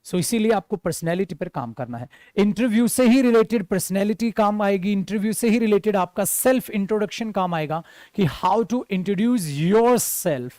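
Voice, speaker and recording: A man's voice: sits high, lively intonation, moderate pace, hardly any pauses, darkish tone, no echo, clean studio sound. A man, teaching spoken English to his students and acting out example sentences. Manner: addresses students as dear, acts out example sentences. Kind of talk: promotional class talk.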